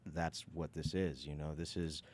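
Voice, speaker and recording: A man raised in England, a theater director, talking in a halting, reflective way with many restarts in a casual interview. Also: very deep voice, level tone, a little mellow, slight background noise.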